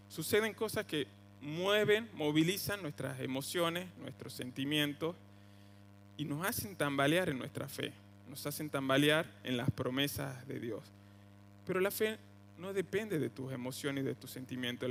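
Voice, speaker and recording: A young Argentine preacher speaks in a fairly high voice, talking through his sermon like a conversation and leaping higher when he quotes a cry. The sound carries a long church-hall reverb, with a faint hum underneath. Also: vocal fry, fairly bright tone. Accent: Argentine Spanish (voseo). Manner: conversational preaching, rises sharply on quoted cries.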